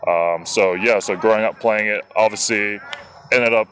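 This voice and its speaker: Male athlete from New Zealand, low voice, laid-back interview guest. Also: moderate pace. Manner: relaxed, many fillers. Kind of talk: casual interview.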